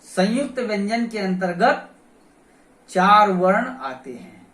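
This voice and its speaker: Brief: a patient grammar teacher who drills each sound aloud again and again, unhurried, recorded at a distance in a roomy space. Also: mid-range voice, animated, a bit bright. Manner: methodical, repeats each sound aloud to demonstrate. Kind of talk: explaining pronunciation in a lesson.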